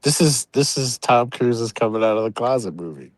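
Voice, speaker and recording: A man's voice: mid-range voice, animated, normal speed, no room sound. A man co-hosting a podcast, cutting in with short wisecracks in casual chat.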